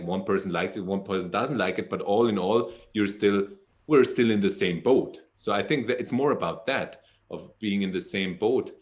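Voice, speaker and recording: A man hosting a podcast, talking in a hesitant way and searching for his words in casual conversation. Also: lowish voice. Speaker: podcast host.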